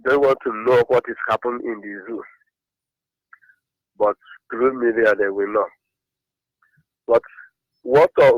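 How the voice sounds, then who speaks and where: A man's voice: mid-range voice, no echo, poor audio. A man with an Igbo Nigerian accent giving hesitant commentary as a radio phone-in caller.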